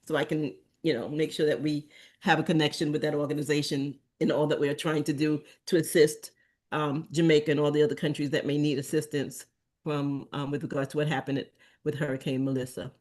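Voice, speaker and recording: This middle-aged woman from Antigua and Barbuda has a low, a little mellow voice with a level tone and a brisk pace. As a community presenter at an association meeting, she talks casually and meanderingly, with frequent ums and restarts.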